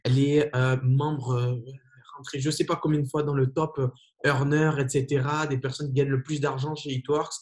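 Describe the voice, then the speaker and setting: A man hosting an online training, introducing his guest with emphatic, energetic talk and repeated instructions. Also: medium pitch, normal speed. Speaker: host of a training call. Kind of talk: hyped-up webinar introduction.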